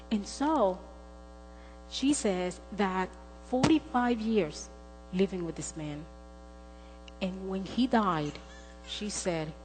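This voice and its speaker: A woman preaching a sermon in a church, emphatic, repeating words for stress as she tells a story. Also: medium pitch. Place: church sanctuary. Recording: long hall reverb with faint mains hum.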